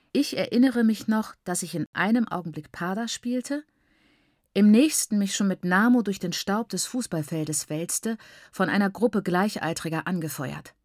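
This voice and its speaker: Brief: woman narrator, lowish voice, expressive audiobook reading, dry studio. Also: no room sound. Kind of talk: scripted first-person narration.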